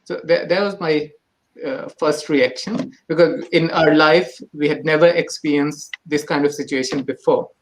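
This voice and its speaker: A man speaking as a guest at an online talk, slow and hesitant with many fillers. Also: a little high, fairly even intonation, a little hiss or hum, low-quality recording.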